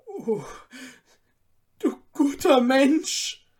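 A poor young student, choked up with tearful gratitude, as a woman reading aloud puts him on. He speaks high and pleading, with emotional emphasis. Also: animated, slow, warm tone.

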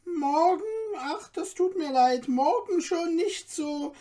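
A woman voicing a tiny, courteous and excitable male dwarf guide in a storybook reading, speaking in an ornate, eager way. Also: takes it slowly. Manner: ornate, polite, squeaky and eager.

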